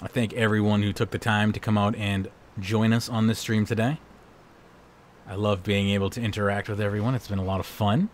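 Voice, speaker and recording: A man with a hoarse voice, hosting and wrapping up a livestream in a casual, rambling way. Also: on the low side, fairly even intonation, fairly quick, slight background noise. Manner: rambling, laid-back. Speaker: livestream host. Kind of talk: casual stream sign-off chat.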